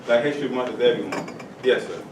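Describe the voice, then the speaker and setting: A man's voice: medium pitch, quick pace. A young man giving an upbeat motivational talk at a school career day, bantering with the class in call-and-response. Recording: echoey room, distant camera, noisy.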